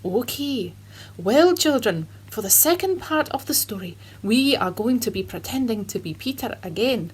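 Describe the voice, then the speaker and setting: A woman putting on a cheerful Scottish man who tells Bible stories to children. His voice is husky and sits fairly high, and his narration is earnest and dramatic. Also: expressive, normal speed, a little mellow, rough recording. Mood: solemn. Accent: Scottish (put on).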